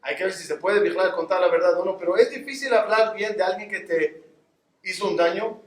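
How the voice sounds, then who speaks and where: A man's voice: high voice, brisk, recorded from a distance. A man, a rabbi, preaching a sermon and telling stories, talking straight to his listeners. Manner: animated storytelling, addresses the audience directly. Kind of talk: sermon with storytelling. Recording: echoey room.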